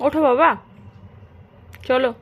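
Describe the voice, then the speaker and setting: A higher-voiced woman talks to a small child at home. She coaxes and repeats herself in a playful, pleading way. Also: fairly even intonation, takes it slowly, narrow, tinny audio. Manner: coaxing, repetitive. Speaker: mother filming her child. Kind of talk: coaxing baby talk.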